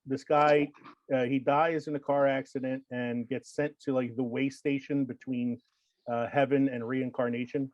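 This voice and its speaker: A man's voice: medium pitch, level tone, moderate pace, no echo, lo-fi sound. A man co-hosting a podcast, chatting casually about films and trailing off into fillers. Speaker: podcast co-host. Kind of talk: casual chat.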